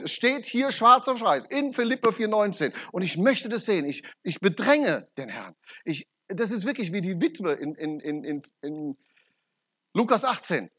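A middle-aged man preaching a personal testimony. His voice is somewhat husky and sits a little high, and he swings from loud, urgent outbursts to quiet, low asides. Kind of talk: testimony sermon.

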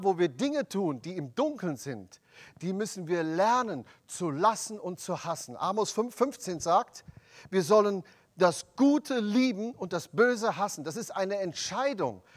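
A man preaching a sermon, emphatic and rising to loud proclamations of scripture. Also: sits high.

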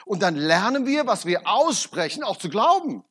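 A middle-aged man giving an emphatic testimony sermon, swinging between loud urgent peaks and quiet low asides. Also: sing-song, normal speed, breathy edge. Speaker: preacher.

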